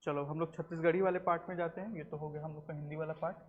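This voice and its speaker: Male teacher, slightly high voice, quizzing the class in a long-echo room on a dull recording. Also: steady tone, very fast, a little hiss or hum. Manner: quizzes the class, repeats answers, says "ठीक है" often. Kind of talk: classroom lecture.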